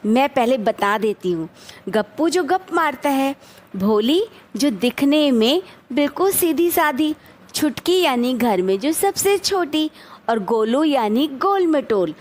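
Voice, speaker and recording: A woman's voice: high-pitched, lively intonation, takes it slowly, a little mellow. A woman teacher explaining a children's poem to young pupils, going over word meanings and asking viewers to answer questions in the comments.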